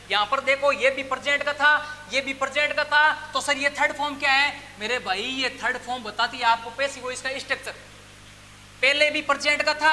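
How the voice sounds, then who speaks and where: A man's voice: extremely high pitch, pushed and bright. A male teacher with a Rajasthani Hindi accent gives a classroom grammar lecture, asking questions and answering them himself and calling his listeners brother. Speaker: English teacher. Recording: echoey room with faint background noise.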